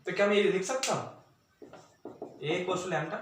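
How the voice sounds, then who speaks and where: A man teaching math in a lively lecture, talking straight to his students and mixing in English. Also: high voice, measured pace, distant mic, a little hiss or hum. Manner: animated, talks straight to students, mixes Hindi and English. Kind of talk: lecture explaining at a board. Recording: very echoey room, voice from off the mic.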